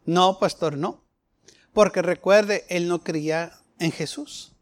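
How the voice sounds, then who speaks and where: Slow, high-voiced male preacher. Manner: slow, emphatic preaching with rising questions. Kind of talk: sermon.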